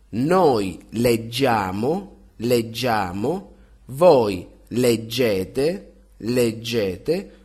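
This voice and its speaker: A man teaching a language lesson, saying each verb form twice with careful, clear enunciation. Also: mid-range voice, darkish tone. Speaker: Italian teacher. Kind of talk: slow, deliberate language lesson.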